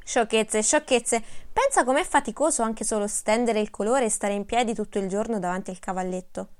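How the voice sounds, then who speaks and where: A woman voicing a lively, brusque male painter who speaks emphatically and a little grandly, in an audiobook reading. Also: a little high, a little fast, close to an everyday voice. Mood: brusque teasing.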